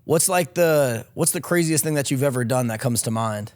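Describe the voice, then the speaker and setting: A man's voice: mid-range voice, moderate pace, darkish tone. A man from Connecticut hosting a podcast interview, upbeat and jokey, peppering his questions with "dude.". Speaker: podcast host. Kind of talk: casual interview.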